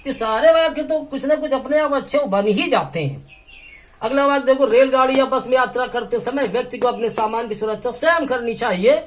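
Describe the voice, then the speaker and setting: A man with a notably high voice teaches an English lesson. He explains patiently, spells words out letter by letter and repeats each phrase slowly. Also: animated. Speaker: English tutor. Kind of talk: bilingual language lesson.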